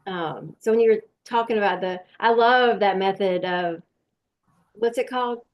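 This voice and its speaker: A woman's voice: medium pitch, normal speed, dull audio. A woman hosting a faith podcast, speaking in a thoughtful, searching way. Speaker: podcast host. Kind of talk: faith-based conversation.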